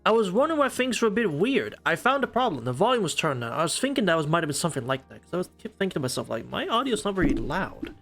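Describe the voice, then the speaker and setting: A man's voice: sits high, sing-song, quick pace, few pauses, fairly bright tone, soft background music. Chatty man streaming a visual novel. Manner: casual, chatty, swears freely.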